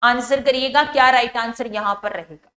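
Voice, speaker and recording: High-voiced woman tutoring nurses. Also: moderate pace, fairly bright tone. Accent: Rajasthani Hindi. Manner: explains step by step, asks students to answer, many fillers. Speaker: nursing exam tutor. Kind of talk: exam-prep lecture.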